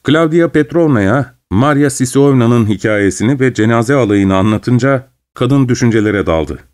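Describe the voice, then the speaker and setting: A man narrating a classic novel as an audiobook, his voice in a middle register. His delivery is measured and steady, carrying the story line by line. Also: medium pitch.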